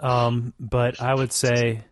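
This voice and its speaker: A man's voice: mid-range voice, completely flat delivery, slow pace, no echo, clean studio sound. A man hosting a casual podcast chat, rambling and joking with many restarts. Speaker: podcast host.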